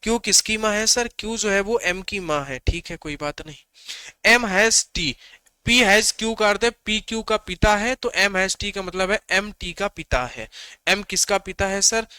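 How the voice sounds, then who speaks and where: A man's voice: sits high, unhurried, bright, forceful tone, clean tone, no echo. A young adult man teaching an exam-prep reasoning lesson. He asks questions and answers them himself, repeats key points and keeps coaxing the class along. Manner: repetitive, asks and answers his own questions.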